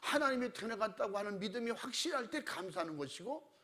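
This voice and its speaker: A middle-aged man preaching a sermon as pastor, telling stories animatedly and acting out the voices he quotes, and clearing his throat often. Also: high-pitched, big pitch swings, fast talker, sharp tone.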